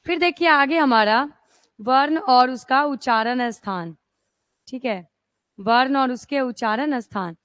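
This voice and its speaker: Woman, teacher, high voice, dry close sound, exam-prep lesson, asks and answers her own questions, keeps saying okay. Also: fairly bright tone, dry recording. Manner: repeats "okay" and "isn't it" as checks.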